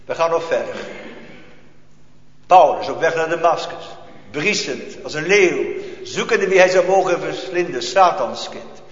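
Male pastor, high voice, unhurried emphatic sermon, church hall echo. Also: animated. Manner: slow, emphatic preaching with rising, swelling calls. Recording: echoey church hall, dull sound.

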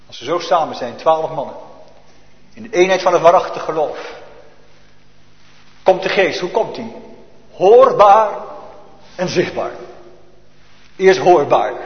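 A man preaches a sermon, dropping to near whispers and rising to emphatic calls, full of rhetorical questions. His voice sits fairly high. The sound is dull and lo-fi, with a long echo rolling around the church. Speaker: pastor. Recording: echoey church, lo-fi reverberant recording.

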